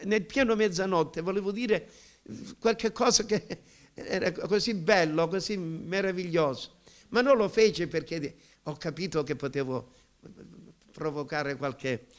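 A man with a somewhat high voice gives a personal religious testimony. He speaks haltingly and emotionally, often repeating words and starting over. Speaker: believer giving testimony.

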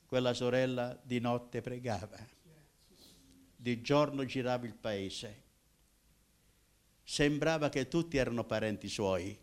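A man's voice: mid-range voice, slow, long pauses. Older man giving emotional testimony. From Apulia, southern Italy. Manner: emotional, swinging from loud cries to hushed tones. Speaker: minister. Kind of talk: personal testimony.

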